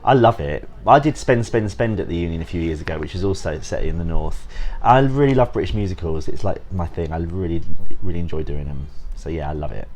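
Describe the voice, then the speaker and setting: A man's voice: deep voice, a little fast, hardly any pauses, darkish tone, slight background noise. A man stage actor chatting enthusiastically in a casual interview. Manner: enthusiastic, laughs easily.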